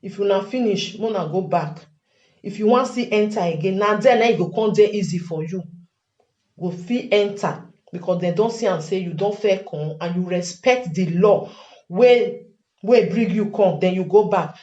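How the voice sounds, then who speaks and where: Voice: medium pitch, moderate pace, darkish tone. An adult with a Nigerian accent speaks Pidgin in an informal, emphatic advice monologue, repeating phrases for stress. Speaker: online commentator addressing fellow Nigerians. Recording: dull lo-fi sound, echoey room.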